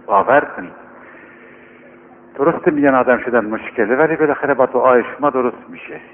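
A cleric talking to young seminary students in an informal, conversational sermon, earnest and pleading, slowing down to recite scripture. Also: male voice, medium pitch. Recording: tinny lo-fi recording with long hall reverb and faint hum.

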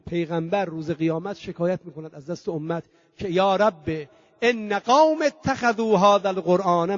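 High-voiced preacher with dull dry sound. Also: male voice, no echo. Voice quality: chants scripture in a singing tone; rhetorical questions and long emphatic lists. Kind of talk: mourning-gathering sermon.

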